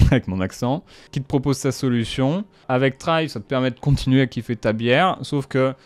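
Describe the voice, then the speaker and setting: A man's voice: medium pitch, normal speed, dry recording. A man giving casual, slangy commentary with punchy asides, breaking down a brand's marketing. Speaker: YouTuber analysing brand marketing.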